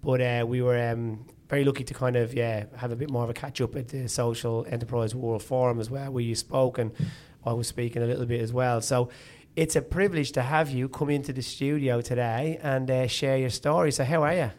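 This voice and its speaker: A man's voice: medium pitch, steady tone, a little fast, hardly any pauses, darkish tone. Chatty male podcast co-host. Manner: rambling, lots of fillers and restarts, upbeat. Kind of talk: casual interview chat. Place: studio.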